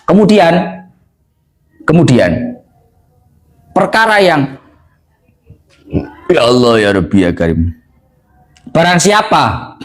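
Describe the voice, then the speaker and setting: Male preacher, conversational lesson style, high and very animated delivery. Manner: conversational preaching, mixing Javanese and Indonesian, frequent "hah?" checks. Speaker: religious teacher. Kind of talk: religious lesson to a congregation.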